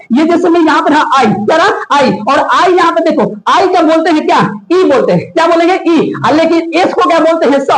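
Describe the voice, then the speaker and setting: A woman teacher giving a classroom phonics lesson, drilling the class with repeated quiz questions. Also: very high voice. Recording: echoey room.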